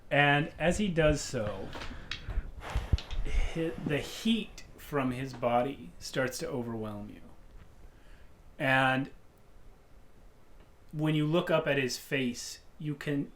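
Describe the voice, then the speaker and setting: A game master narrates a tabletop role-playing game at an unhurried, deliberate pace, in a middle-pitched voice. The story is improvised, with pauses between phrases. There is noticeable noise in the recording. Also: a bit bright.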